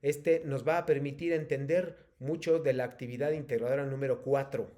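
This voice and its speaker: A man with a Mexican accent, a teacher explaining patiently to his students in an online class, often pausing with fillers. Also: mid-range voice, steady tone, mellow. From State of Mexico.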